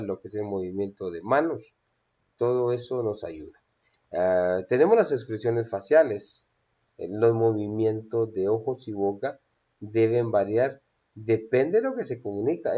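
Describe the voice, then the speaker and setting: Teaching public speaking, a man hesitates a lot, filling gaps with "eh" and checking on his students with "¿sí?". He speaks in a warm voice on the low side. The sound is lo-fi.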